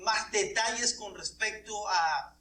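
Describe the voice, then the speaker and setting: A man preaching a sermon in short phrases, pausing for his interpreter and rising in earnest emphasis. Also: sits high, pushed and bright, distant mic.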